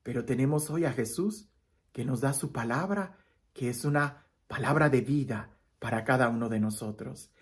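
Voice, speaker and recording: A woman's voice: extremely low pitch, moderate pace. A woman giving a gospel reflection and blessing, telling a parable in a storytelling manner. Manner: warm storytelling, blessing and prayerful. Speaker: preacher.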